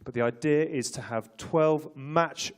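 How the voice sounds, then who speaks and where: A man's voice: fairly high pitch, unhurried. Bantering man hosting a press conference. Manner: bantering, teasing, rallying the room. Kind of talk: jokey, informal event hosting to a live room. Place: live on stage in a press conference room.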